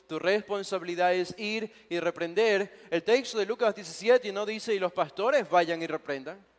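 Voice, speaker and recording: A man preaching an expository sermon as pastor, reading scripture aloud and stressing key points by repeating them slowly. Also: fairly high pitch. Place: church sanctuary. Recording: long church hall reverb.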